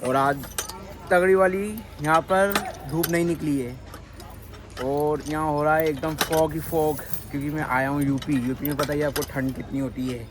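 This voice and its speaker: With a steady tone and a voice on the high side, a man speaks at normal speed to his phone camera, a chatty father-vlogger showing viewers around a rooftop and street market. Passing vehicles and street noise come through on the recording.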